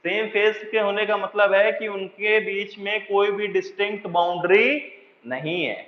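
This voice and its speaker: High-voiced man teaching in an echoey room. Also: steady tone, muffled recording. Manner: keeps checking understanding with repeated questions; mixes in English phrases, slows to dictate definitions. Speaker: chemistry teacher. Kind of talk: classroom lecture.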